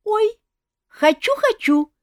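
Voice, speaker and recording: A woman's voice: sits high, very animated, unhurried, darkish tone, no echo, voice pushed up. A playful young woman in an audiobook, teasing and wheedling, as the woman reading puts her on. Her voice swoops wildly up and down, and it sounds dry and close, with no room around it.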